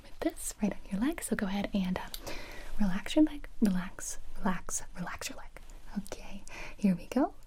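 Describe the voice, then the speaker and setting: This is a young woman doing a comedic ASMR roleplay as a series of doctors, mostly whispering close to the mic but now and then breaking into full voice. She speaks at normal speed with a medium, expressive voice.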